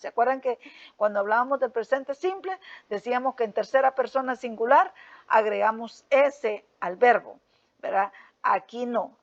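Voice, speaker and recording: A woman teacher with a somewhat high voice explains grammar rules patiently, checking often that the students follow. The recording sounds dull and lo-fi. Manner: patient, repeats with frequent "¿verdad?" and "¿ok?" checks. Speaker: English teacher. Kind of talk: explaining a lesson step by step.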